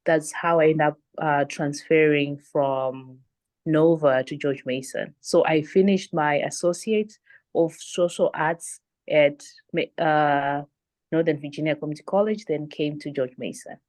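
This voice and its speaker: A woman from Zimbabwe, speaking English as a second language, answers panel questions in a low voice. She talks in a halting, conversational way, restarting her sentences often. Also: darkish tone. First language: not English. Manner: hesitant, with frequent restarts and fillers. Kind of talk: casual conversational interview answers.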